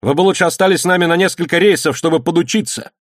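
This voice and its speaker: A man voicing a sharp-tongued male ship's mate, stern and scolding. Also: a little high, very fast, no room sound, clean studio sound, pitched above the performer's own voice, natural voice.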